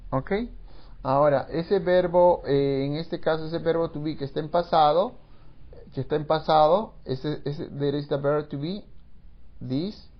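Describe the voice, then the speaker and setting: A man teaching an English grammar lesson in Spanish, explaining slowly and repeating phrases, with English examples mixed in. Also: fairly high pitch, lo-fi sound.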